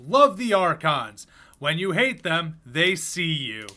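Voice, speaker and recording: A slick salesman-announcer, put on by a man reading aloud, pitches his wares in a loud, emphatic voice that leans on the key phrases. The tone is bright and forward, pitched a little high, with words drawn out for effect. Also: very animated, takes it slowly, exaggerated voice. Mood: grand pitching. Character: slick booming male salesman-announcer pitching a strange book.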